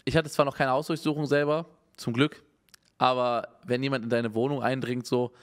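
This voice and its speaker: A man's voice: medium pitch, little pitch movement, normal speed. A young man streaming live, reacting to news in a casual, hesitant way with many restarts and a concerned tone.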